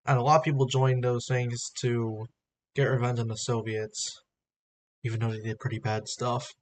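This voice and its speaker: A man's voice: medium pitch, flat delivery, moderate pace, a little hiss or hum. A man giving casual reaction commentary as a streamer, in a hesitant, rambling way.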